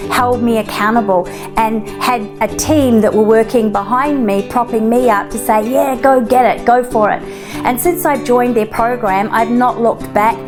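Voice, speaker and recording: Woman, upbeat, energetic, high-ish voice, music behind. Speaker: author, speaker and trainer. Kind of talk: testimonial to camera.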